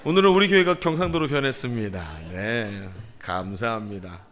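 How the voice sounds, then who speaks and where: Lively man preaching a sermon. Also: mid-range voice, normal speed. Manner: playful, mimics regional dialect phrases loudly. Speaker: pastor. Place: church sanctuary.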